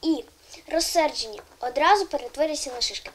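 Girl with a high voice saying a kids poem, bit hesitant. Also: fairly quick, a little hiss or hum. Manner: hesitant short answers. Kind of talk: answering quiz questions and reciting a poem.

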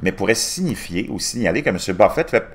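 A middle-aged man with a low voice reads news articles aloud on his home channel, his pitch rising and falling a lot as he goes. He trips over words, restarts them and slips in his own asides between the quoted passages. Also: animated, fast, vocal fry. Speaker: YouTube channel host.

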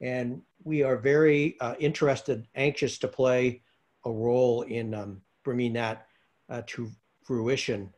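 Halting man giving public comment. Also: medium pitch, steady tone, darkish tone. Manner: halting, many fillers. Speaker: public commenter for a care program. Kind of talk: public comment at a virtual meeting.

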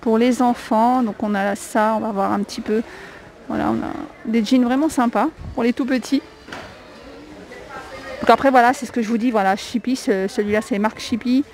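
A woman's voice: a little high, fairly even intonation, moderate pace, a little mellow, low-quality recording. Chatty woman touring a discount store. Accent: non-native French. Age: adult with a young child. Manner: chatty, hesitant with many fillers, listing prices. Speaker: shopping vlogger. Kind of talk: casual store walkthrough vlog. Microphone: handheld camera.

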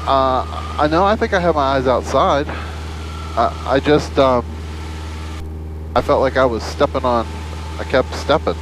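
A man's voice: mid-range voice, unhurried. A young man, a student pilot, speaking casually and a bit hesitantly over a pilot headset intercom. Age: young adult. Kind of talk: casual chat and radio calls. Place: small propeller plane cockpit in flight. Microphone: aviation headset boom mic. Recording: headset intercom with clear engine noise.

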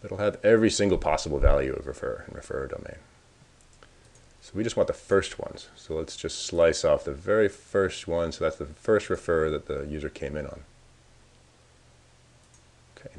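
A software presenter gives a casual screencast demo, thinking aloud informally as he works. His voice is very deep and gravelly with a slightly mellow quality, and he keeps a moderate pace.

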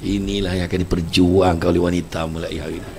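Male Malaysian preacher, comic sermon, rough gravelly voice. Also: low voice, quick pace. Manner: joking, animated storytelling. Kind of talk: humorous sermon.

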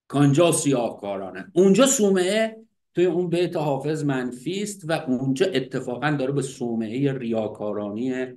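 A man hosting a casual poetry lecture, reciting verses and explaining them in an animated way. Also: mid-range voice. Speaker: literature teacher and host.

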